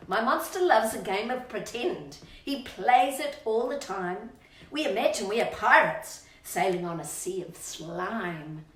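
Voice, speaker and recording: Reading aloud for children at a measured pace, this channel host uses a medium-pitched, animated voice and a playful sing-song style, stretching words for emphasis. Asides to her pet dog come through a distant, echoey recording.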